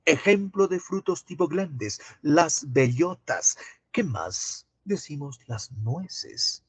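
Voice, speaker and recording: Slow husky male teacher. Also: a little high, expressive, no room sound. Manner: slow, drawn-out questions to students. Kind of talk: online class lecture.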